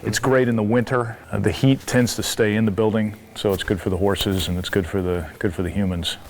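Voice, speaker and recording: Low-voiced man giving a property tour. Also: steady tone, a little fast. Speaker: property developer showing a site. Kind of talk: casual sales tour talk. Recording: location sound, some ambient noise.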